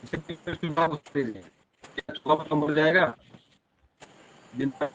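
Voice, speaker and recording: A man's voice: fairly high pitch, slow, a bit bright. A male teacher giving an online class whose voice breaks up over choppy call audio. He explains step by step and asks his students questions. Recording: muffled lo-fi call audio with faint hiss.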